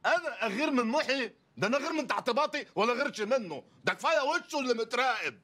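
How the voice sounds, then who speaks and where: An actor playing a poor, bumbling loudmouth lawyer husband in a comedy film, ranting and sarcastic in an Egyptian accent. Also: male voice, very high-pitched, expressive, fast talker, heavily acted. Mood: mocking. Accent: Egyptian Arabic. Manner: ranting, sarcastic, wildly swinging delivery.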